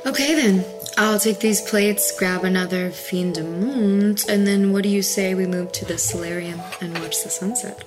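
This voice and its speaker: A woman's voice: mid-range voice, normal speed, few pauses, over music, natural voice. A woman playing a flirtatious, worldly woman who is hosting a dinner date, speaking in a teasing, doting manner. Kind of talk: audio drama acting.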